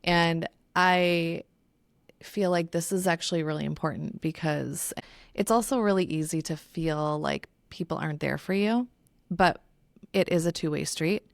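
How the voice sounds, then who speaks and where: A woman co-hosting a podcast in casual chat, her voice low with a gravelly edge. She sounds close to tears yet stays candid and swears freely. The recording is dry and close. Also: measured pace, no echo. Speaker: podcast co-host.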